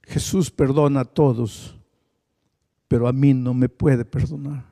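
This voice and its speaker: A male pastor voicing a grieving, guilt-ridden paralyzed woman in a low, subdued tone. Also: fairly even intonation, measured pace, creaky, dark tone, long reverb tail. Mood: despairing.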